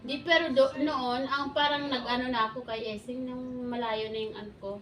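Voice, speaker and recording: A woman's voice: high-pitched, fairly even intonation, normal speed, over music. A middle-aged woman telling a story from her past in casual chat, acting out the exchanges and laughing often. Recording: roomy sound from a distance.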